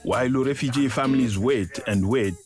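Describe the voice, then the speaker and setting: A man giving a calm, measured documentary voice-over. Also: medium pitch. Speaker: narrator. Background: music.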